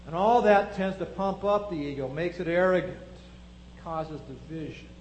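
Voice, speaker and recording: A man's voice: on the high side, normal speed, darkish tone, echoey room, a little hiss or hum, rough recording. A man preaching a sermon, building his point through strings of rhetorical questions.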